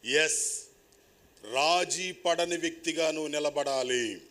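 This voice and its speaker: A man preaching a sermon as pastor, swinging between loud, emphatic calls and quiet asides to the congregation. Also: a little high, slow. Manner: preaching with sudden loud rises and quiet asides, calling for applause.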